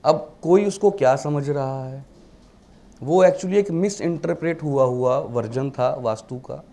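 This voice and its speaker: A vastu teacher with a mid-range, warm voice lectures to a class in an unhurried way. His Hindi is mixed with English terms, and he asks the class rhetorical questions.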